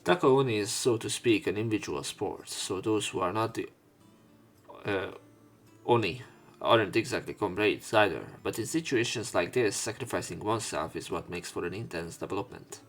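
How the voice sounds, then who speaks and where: Soft background music accompanies a man reading a visual novel's text and character lines aloud for a let's play. His voice is on the low side and his pace moderate, and he throws in offhand remarks that are casual and occasionally profane.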